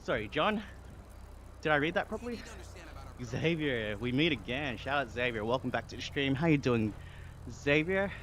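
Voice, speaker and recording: A young Australian man livestreams from an exercise bike, chatting casually, reading viewer comments aloud, laughing a lot and warmly thanking his viewers. His medium-pitched voice is lively at a normal speed with frequent pauses, and game sounds and traffic noise play behind him.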